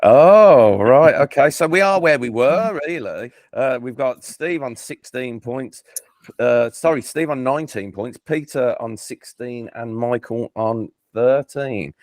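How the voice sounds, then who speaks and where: Hosting a laid-back football quiz, this Birmingham-accented Englishman chats away, pokes fun at himself, and frequently trips over and restarts his sentences. He speaks unhurriedly in a mid-range, darkish voice, recorded cleanly in a studio without echo.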